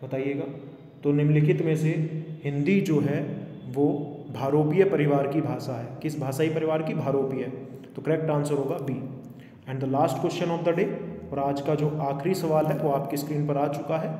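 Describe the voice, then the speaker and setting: This online exam coach has a slightly high but dark-toned voice, fairly even in intonation and moderately paced. Teaching a quiz lesson, he repeats questions to instruct and switches into English phrases, recorded in an echoey room with faint noise.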